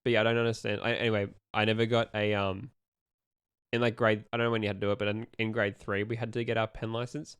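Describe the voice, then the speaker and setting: A man's voice: on the low side, little pitch movement, fast talker, a bit bright, smooth, dry recording. A young man co-hosting a casual podcast, rambling with lots of ums and restarts as he asks questions. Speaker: podcast co-host asking questions. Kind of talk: casual chat.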